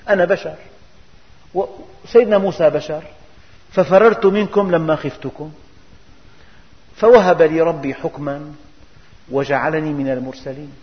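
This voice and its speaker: A man giving a religious lesson, emphatic and full of rhetorical questions. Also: fairly high pitch. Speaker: preacher. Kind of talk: religious lesson explaining scripture. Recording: dull recording, long hall reverb.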